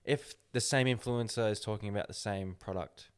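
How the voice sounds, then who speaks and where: Male podcast host, low-pitched, speaks slowly and deliberately with firm opinions. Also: clear, resonant tone. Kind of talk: casual podcast chat.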